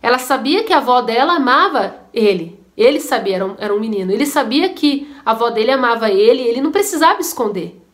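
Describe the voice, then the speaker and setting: A woman's voice: a little high, lively intonation, quick pace. A woman telling a story and preaching earnestly in a devotional video. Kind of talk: devotional sermon-style storytelling.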